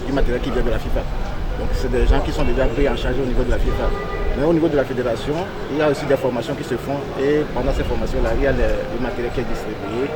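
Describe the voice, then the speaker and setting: A man's voice: mid-range voice, fairly even intonation, racing, very noisy. A man, a football federation official, answering interview questions with frequent fillers and repeated words. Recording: outdoor interview with loud crowd. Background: loud crowd chatter.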